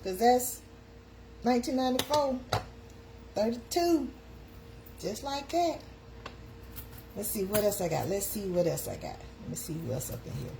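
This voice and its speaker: A woman's voice: medium pitch, very animated, moderate pace, vocal fry, long pauses, noisy background. A woman, hosting a casual live chat and calling out to her viewers. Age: 50s. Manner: chatty, calls out to viewers. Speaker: live stream host.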